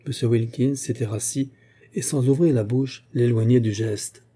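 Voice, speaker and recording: A male audiobook reader tells a classic novel in measured, even prose. His voice is very dark and mellow, with a husky grain. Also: medium pitch. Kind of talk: scripted narration of a classic novel.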